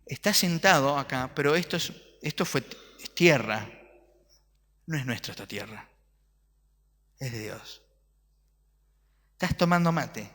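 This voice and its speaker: A man's voice: medium pitch, a bit bright, in a large hall. A man with an Argentine accent preaching a sermon to his congregation, asking rhetorical questions and joking with them. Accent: Argentine Spanish. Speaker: pastor. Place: church hall.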